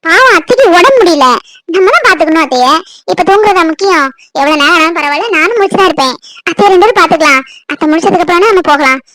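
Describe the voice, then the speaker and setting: A performer voicing a shy, caring young newlywed bride in a cartoon, speaking softly and pleadingly. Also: very high voice, expressive, quick pace, slight background noise, full character voice. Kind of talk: cartoon voice acting.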